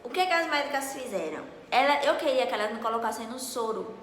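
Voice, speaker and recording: A young woman, casually telling a story to camera in an animated, dramatic way. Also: a little high, fast talker, slight background noise. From Northeast Brazil. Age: late teens. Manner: animated, dramatic, acts out dialogue loudly. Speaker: vlogger. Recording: echoey room with long reverb.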